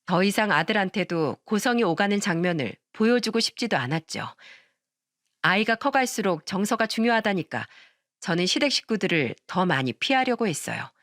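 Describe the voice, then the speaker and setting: A woman narrating a dramatized radio story in an expressive, conversational way. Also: mid-range voice, moderate pace, no room sound, studio quality.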